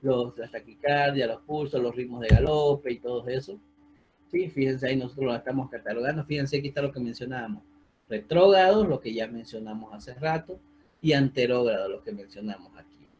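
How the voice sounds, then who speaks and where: A man's voice: mid-range voice, fairly quick, darkish tone, a little hiss or hum, rough recording. A man giving an online medical lecture over a video call, explaining step by step and often checking in with his students. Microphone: computer mic on a video call.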